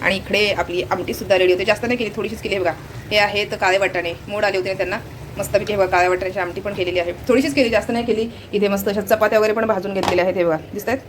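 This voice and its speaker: A woman's voice: medium pitch, fairly even intonation, very fast, background noise. Chatty Marathi woman showing her home. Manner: chatty, repeatedly pointing things out to viewers. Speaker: vlogger. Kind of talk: casual home vlog narration. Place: home kitchen.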